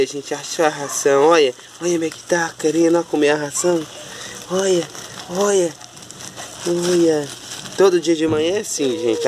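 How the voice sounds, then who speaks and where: A woman with a Brazilian Portuguese accent filming puppies at home outdoors and talking to them in cooing baby talk. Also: noisy background. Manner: cooing baby talk to puppies, sudden high pitch jumps. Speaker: pet owner filming puppies. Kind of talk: casual home video.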